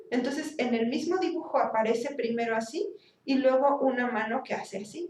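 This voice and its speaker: A woman's voice: a little high, darkish tone. A woman teaching a speech therapy class, explaining step by step and acting out sounds with exaggerated articulation. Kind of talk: university class lecture. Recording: echoey room, from a distance.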